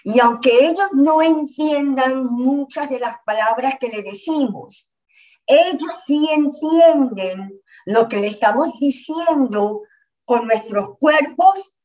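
A woman health educator giving a lecture in short, patient phrases, often pausing to check in with her listeners. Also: sits high, lively intonation, a little mellow, poor audio. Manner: patient, repeats points, checks in with "¿ok?" and "¿verdad?". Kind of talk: slide-based community lecture.

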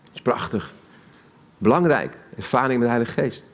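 A man's voice: mid-range voice, animated, normal speed. A man with a Dutch accent giving a live sermon in a church hall, talking conversationally and putting questions to the congregation. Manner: conversational, asks the audience questions. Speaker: preacher.

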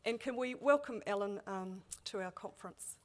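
A woman's voice: medium pitch, normal speed, heavy background noise. A woman from New Zealand with a Kiwi accent, chairing a conference and welcoming the audience in a casual, filler-laden manner.

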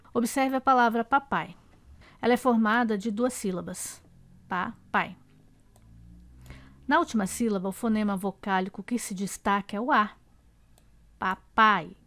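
A woman with a Brazilian Portuguese accent teaching a slide-based grammar lesson, slow and careful, repeating example words aloud. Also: mid-range voice.

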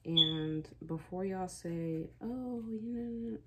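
A 20-year-old vlogger rambles reflectively in a small indoor bedroom, chatting casually and candidly in a personal vlog. Her voice is on the low side and very slow, and there's a little hiss or hum in the recording.

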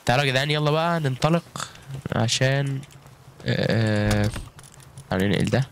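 An Egyptian gaming YouTuber gives live gameplay commentary in a mid-range, creaky voice at a brisk pace, with an Egyptian Arabic accent. He's chatty, constantly calling out to viewers and exclaiming often. There's slight background noise.

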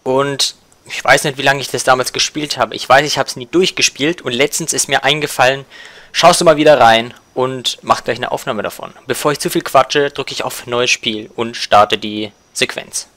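A man's voice: mid-range voice, normal speed, pushed and bright, no echo. A man giving casual game commentary as a Let's Play host.

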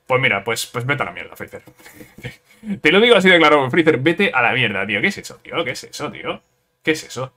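A man from giving casual let's-play commentary on a fighting game, excitable, repeating words in quick bursts and ending phrases with "eh?". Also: mid-range voice. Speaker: gameplay commentator.

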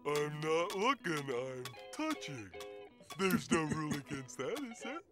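A man voicing a dim-witted, slow male starfish in a cartoon, with a dopey manner. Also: fairly high pitch, very animated. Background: cartoon music.

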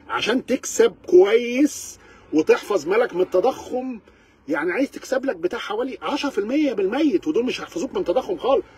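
Egyptian guy doing a car rant, high raspy voice, sarcastic and fed up, talks super fast. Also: a little mellow. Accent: Egyptian Arabic. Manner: sarcastic, exasperated, rhetorical questions. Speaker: car reviewer. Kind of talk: animated rant to camera.

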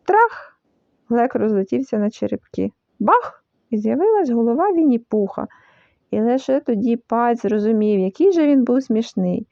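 A woman reading a children's story aloud in an expressive, animated way. The recording is dull and lo-fi. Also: a little high, normal speed, dry recording. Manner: lively, animated, full of voices.

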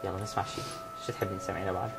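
A man's voice: sits low, steady tone, very fast, gravelly, poor audio. A man in his thirties with an Iraqi Arabic accent, hosting an interview in a reassuring, encouraging way. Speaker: TV interview host. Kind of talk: interview talk. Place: TV studio. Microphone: lapel mic. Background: background music.

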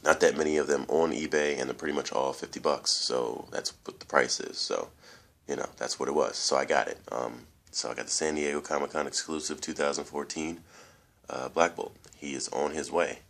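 Indoors at home, a young man reviews toys for his vlog, his extremely deep voice gravelly, a bit bright and stuffed up from allergies. He talks briskly with fairly even intonation, rambling loosely, using lots of fillers and addressing viewers as "guys."

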